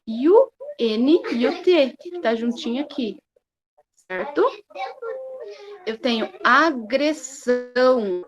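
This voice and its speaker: A woman's voice: a little high, a little mellow, highs cut off. A Brazilian woman teacher giving a recorded lesson, stretching out syllables and checking in with her students as she goes. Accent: Brazilian Portuguese. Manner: slow, drawn-out syllables with frequent "né?" and "tá?" checks.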